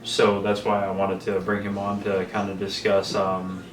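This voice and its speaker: Male interview host, casual and halting, even delivery, picked up from a distance with clear background noise. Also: deep voice. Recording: echoey room, distant mic, noisy background.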